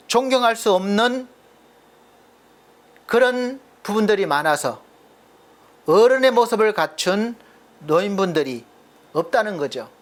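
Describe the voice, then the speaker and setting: A middle-aged male pastor preaching a sermon earnestly, asking rhetorical questions and slowing down to stress his points. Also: sits high.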